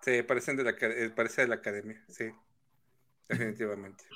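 A man's voice: medium pitch, steady tone, a little fast, bright, forceful tone. A man with a Mexican accent co-hosting a reaction podcast, joking in crude slang. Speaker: podcast co-host. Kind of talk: casual reaction chat.

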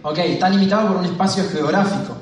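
Fast-talking Argentine man in an echoey hall. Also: high-pitched. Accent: Argentine Spanish. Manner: fast-talking, storytelling, chatty with the audience. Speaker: motivational business speaker. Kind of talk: live talk to an audience. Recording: echoey hall, mic far off.

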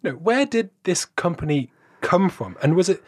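Male podcast host, eager and chatty, slightly husky tone. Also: high voice, big pitch swings, normal speed. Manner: enthusiastic, self-described bike tech fanboy. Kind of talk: casual podcast interview.

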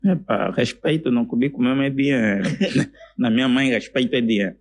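A young man with an Angolan Portuguese accent, a comedian chatting as a podcast guest, telling stories in an animated way and jumping into high voices to quote people. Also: brisk. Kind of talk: casual podcast chat.

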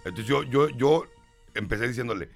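A man's voice: mid-range voice, lively intonation, normal speed, vocal fry, faint music behind. A middle-aged man with a Mexican Spanish accent co-hosting a talk show, reading listener comments aloud and answering them emphatically. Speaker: radio show host.

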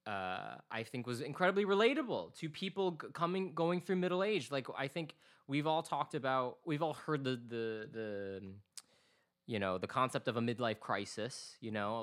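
A man in his twenties co-hosting a music podcast chats casually in a medium-pitched, slightly bright voice. He's sincere but meandering, with lots of restarts.

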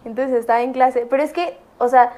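A young woman, a student, telling a story in relaxed, chatty fashion, full of "o sea". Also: high voice, a little fast. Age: young adult. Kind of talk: casual storytelling.

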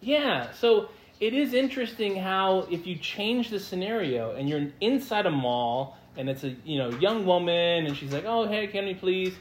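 A man's voice: high-pitched, animated, moderate pace, few pauses, slight background noise. A man co-hosting a podcast, reflecting and questioning in casual discussion. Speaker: podcast co-host. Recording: roomy echo.

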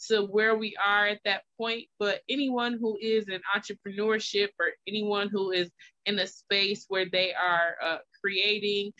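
Bright, reassuring woman podcast host. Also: medium pitch, level tone, unhurried. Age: 30s. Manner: encouraging, reassuring. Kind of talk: casual podcast interview. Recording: slightly muffled lo-fi audio.

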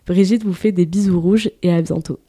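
A young woman reads out a prepared statement with brisk, upbeat energy, running through long lists. Her voice is deeply mellow and warm. The sound is dry and close, with no room around it. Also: fairly even intonation, slightly rough, no room sound. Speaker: student association co-president.

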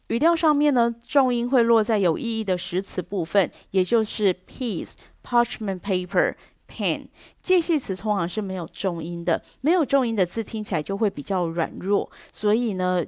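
A middle-aged woman with a Taiwanese Mandarin accent, hosting an English lesson and explaining patiently and clearly. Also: mid-range voice, no room sound. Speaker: English teacher podcast host.

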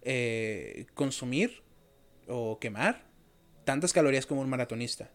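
A man's voice: mid-range voice, lively intonation, a little slow. A young man hosting a casual interview, a chess teacher who talks at length and explains with examples and many fillers. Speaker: podcast host and chess teacher.

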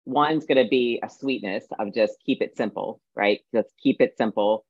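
A woman's voice: a bass voice, moderate pace, darkish tone, breathy edge, no room sound, muffled recording. A woman fitness coach giving blunt, tough-love advice in a casual podcast chat.

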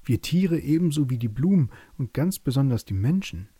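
A man's voice: mid-range voice, expressive, normal speed, dark tone, breathy edge, no room sound, voice pushed up. A man doing grumbling meadow beetles. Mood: agreeing. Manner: humming, grumbling.

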